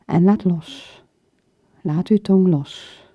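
A woman guiding a muscle relaxation exercise in short, soothing phrases, her soft breathy voice often falling toward a whisper. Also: lowish voice. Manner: slow, soothing, with pauses between short phrases. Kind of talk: guided muscle relaxation instruction. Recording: dull lo-fi recording with room echo.

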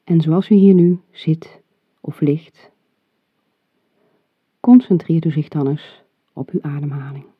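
A relaxation guide leading a meditation in a calm, soothing, soft and breathy voice, giving measured instructions. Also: medium pitch. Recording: muffled phone-like audio, roomy echo.

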